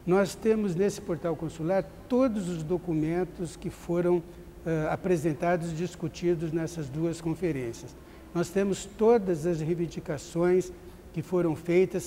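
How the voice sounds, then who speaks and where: Measured Brazilian diplomat, mellow voice. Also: male voice, a little high, long reverb tail, a little hiss or hum. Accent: Brazilian Portuguese. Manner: measured, formal, with hesitant "eh" fillers. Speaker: diplomat guest. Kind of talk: formal studio interview.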